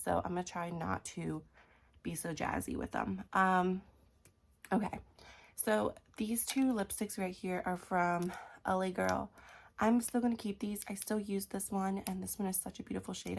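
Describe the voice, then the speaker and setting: Woman with a gravelly morning voice. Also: medium pitch. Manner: chatty, frequent "um" fillers. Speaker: beauty vlogger. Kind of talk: casual makeup declutter chat.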